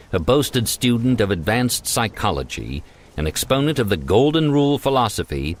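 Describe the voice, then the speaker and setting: A man narrating a self-help story in a measured, earnest way. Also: on the low side, a little hiss or hum.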